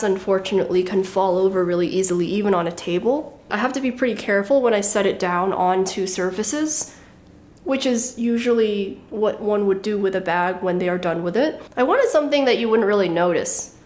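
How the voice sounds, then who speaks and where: Wry, matter-of-fact woman vlogger. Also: mid-range voice. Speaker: fashion vlogger. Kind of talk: casual show-and-tell.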